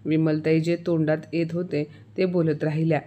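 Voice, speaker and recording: A woman's voice: sits low, normal speed. Woman reading a family story. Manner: reads every character's lines in one steady voice. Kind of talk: scripted storytelling narration.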